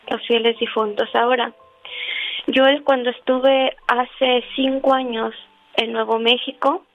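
A woman calling in to a radio show, telling a personal story in an earnest, devout way with many fillers. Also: fairly high pitch. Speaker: caller. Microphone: phone. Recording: tinny dry phone line with faint music.

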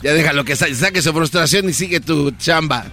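A Mexican man cracks jokes and teases on a comedy radio show. His voice sits a bit high and bright, over soft background music. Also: a little fast. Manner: joking, teasing. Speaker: radio co-host. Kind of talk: casual chat.

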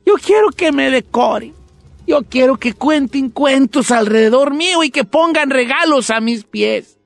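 A woman's voice: high-pitched, expressive, measured pace, a bit bright, dry recording, soft background music, pitched above the performer's own voice, full character voice. A woman voicing a small, frightened male Christmas tree that begs and cries out in pain. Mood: pleading. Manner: whimpering, begging, cries out in pain.

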